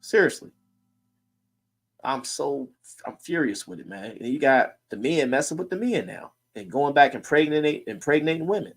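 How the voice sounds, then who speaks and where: A man's voice: fairly high pitch, big pitch swings, fairly quick. A man hosting a casual streamed talk, blunt and preachy, in heated street slang. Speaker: host.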